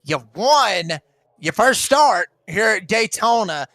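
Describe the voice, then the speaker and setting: Male co-announcer, folksy rambler, high and bright. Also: very animated, slow, no room sound. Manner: rambling, heavy with fillers, folksy. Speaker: racing league announcer. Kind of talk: casual race broadcast banter.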